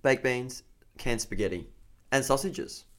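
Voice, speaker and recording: A man's voice: medium pitch, unhurried. A man co-hosting a casual podcast, laughing often as he tells stories. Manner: laughs often, relaxed storytelling. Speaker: podcast co-host. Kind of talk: casual chat.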